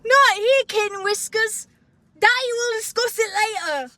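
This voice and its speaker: A woman's voice: very high voice, a little slow, sharp tone, dry recording, pitched above the performer's own voice, heavily acted. A woman voicing a vain, theatrical adult male prince with a pompous, hammy delivery.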